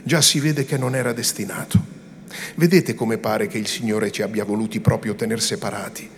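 A man voicing a young devout woman who pleads softly and earnestly through tears. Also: lowish voice, steady tone, normal speed, slight background noise, lightly acted. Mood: tearful pleading. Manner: soft, earnest and imploring.

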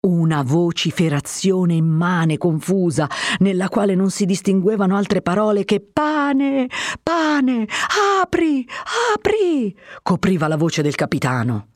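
Measured audiobook narrator, dry sound. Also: mid-range voice, no room sound. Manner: steady, measured storytelling. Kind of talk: literary audiobook reading.

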